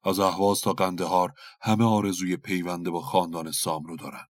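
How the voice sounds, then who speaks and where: A man's voice: deep voice, little pitch movement, dry recording, studio quality, close to an everyday voice. A man voicing a furious, proud old king and father, roaring harshly. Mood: stern.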